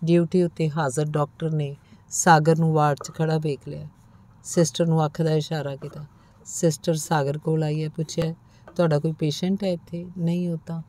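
Woman narrating an audiobook story, low voice, soft mellow tone, steady reading.

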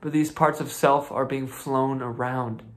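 In a small bedroom, a man in his twenties improvises an intense, searching spoken-word monologue, picked up by a nearby laptop mic. His medium-pitched voice stays fairly even and unhurried but rises into emphatic outbursts. Acoustic guitar strums in the background.

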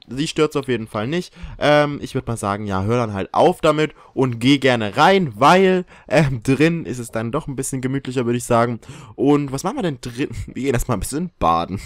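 A man's voice: mid-range voice, lively intonation, moderate pace, no echo, studio quality. A young man giving casual, joking commentary while playing a life-simulation game, often teasing the characters. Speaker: let's play host.

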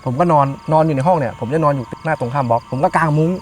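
A man's voice: fairly high pitch, racing. A man recounting his own ghost experience in casual speech, often repeating words and phrases for emphasis. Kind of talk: casual spoken ghost storytelling. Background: music under the talk.

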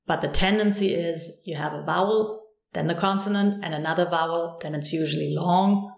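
A German woman with a German accent teaching pronunciation patiently and clearly, modelling each word slowly. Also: on the low side, roomy sound. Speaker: language teacher. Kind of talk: pronunciation lesson.

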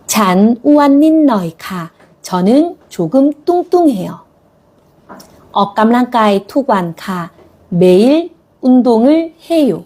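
A woman's voice: mid-range voice, a little mellow. A woman teaching a Korean language lesson, speaking patiently and encouragingly as she models example sentences.

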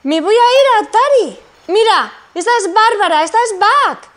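A woman with a Spain Spanish accent giving excited, exclamatory commentary as she plays a video game. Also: very high-pitched, normal speed. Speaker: gaming streamer.

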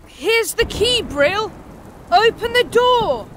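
A woman voicing an excitable little storybook creature in a children's cartoon, calling out eagerly. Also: very high voice, slow, slight background noise, heavily acted. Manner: eager exclaiming speech.

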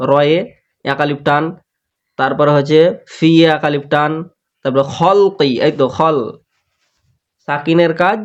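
A man teaching Quran recitation rules, breaking up quick explanations with slow, drawn-out chanted examples. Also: a little high. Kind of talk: tajweed lesson, explaining and demonstrating recitation. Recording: dull lo-fi voice recording.

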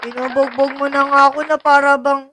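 A woman talks loudly and laughs often as she banters on a live stream and greets her viewers. Her voice sits high. Steady background noise runs under the audio. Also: fairly quick.

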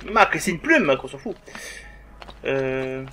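A man's voice: mid-range voice, sing-song, slow pace, sharp tone, soft background music. A man with a swearing, joking manner, giving a let's play commentary and talking back to the game. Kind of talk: gameplay commentary.

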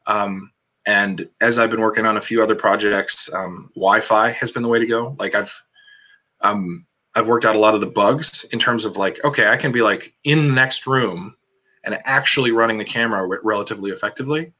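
A man's voice: fairly low pitch, a little fast, bright, forceful tone, dull audio. A man, a cinematographer guest, talking casually on a video call, rambling with lots of "like" and "um.". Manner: rambling, many "like" and "um" fillers.

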